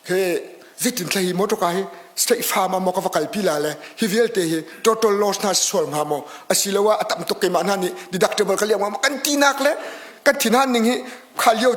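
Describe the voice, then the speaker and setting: A middle-aged pastor from Chin in Myanmar delivers a sermon with a high-pitched voice. He preaches earnestly and deliberately, then speeds through some stretches.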